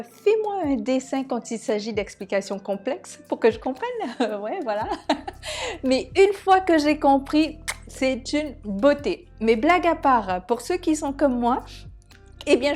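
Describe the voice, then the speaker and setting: A woman's voice: sits high, darkish tone. A woman in her thirties from Mauritius introducing her hair care channel in a casual, chatty way, with frequent hesitations and small self-mocking laughs. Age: 30s. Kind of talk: casual vlog presentation.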